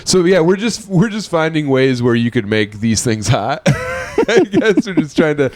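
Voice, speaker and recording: Lively young man joking crudely. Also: on the high side, moderate pace, dry recording. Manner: crude, joking, laughs often. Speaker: podcast co-host. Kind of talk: casual comedy chat.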